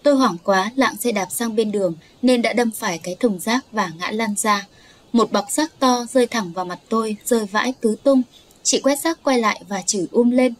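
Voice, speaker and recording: Brief: woman storyteller, fairly high voice, sorrowful confession. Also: moderate pace. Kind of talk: first-person story narration.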